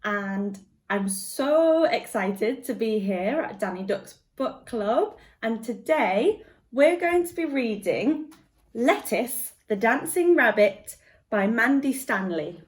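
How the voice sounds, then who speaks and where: A woman guest reader shares a picture book with young children, telling the story expressively. Her voice is a little high and she reads slowly.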